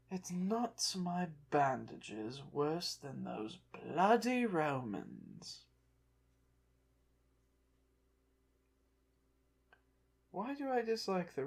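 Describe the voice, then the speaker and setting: A medium-pitched performer takes on the role of a proud, haughty undead Egyptian pharaoh in ASMR roleplay, acting it heavily yet slowly and softly. The phrasing is pompous and formal, and the tone comes across as indignant.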